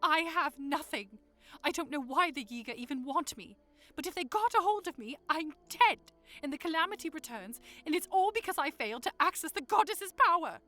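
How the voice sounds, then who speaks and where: A woman's voice: high voice, expressive, brisk, pushed and bright, faint music behind. A woman playing an anxious young princess in an audio drama, self-doubting yet earnest and emotional. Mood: frustrated, despairing.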